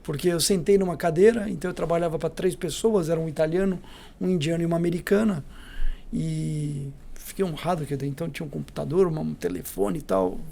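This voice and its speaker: A middle-aged Brazilian man with a Brazilian Portuguese accent, a company CEO telling lively anecdotes as a podcast guest, acting out the dialogue. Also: a little high, gravelly. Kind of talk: storytelling in a podcast interview.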